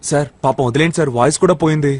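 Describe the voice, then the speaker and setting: An actor playing a pleading, scheming sidekick in a Telugu film comedy. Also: male voice, fairly high pitch, very fast, darkish tone, dry recording, lightly acted. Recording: film soundtrack with music behind.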